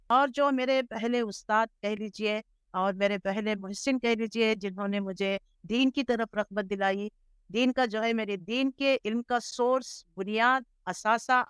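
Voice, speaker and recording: A middle-aged woman from Hyderabad, India, telling her life story as an interview guest in a measured, earnest way. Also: on the high side, fairly bright tone, clean tone, no room sound, clean studio sound. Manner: measured, earnest storytelling with English words mixed in. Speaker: interview guest, Islamic scholar.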